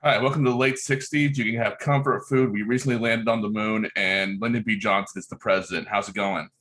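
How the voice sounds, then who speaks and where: A man's voice: fairly low pitch, steady tone, a little fast, fairly bright tone, close to an everyday voice. A man playing a rambling dad who keeps insisting it is the late sixties, in an improv comedy scene, full of ums and uhs. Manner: rambling, full of fillers, giggly.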